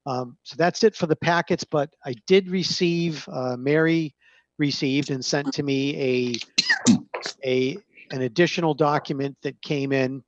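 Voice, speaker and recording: A man on a video call, presenting application documents to a zoning board page by page in a measured, hesitant way with frequent fillers. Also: a little high. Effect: heard over a video call. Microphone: computer microphone on a video call. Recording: dull, narrow-band call audio.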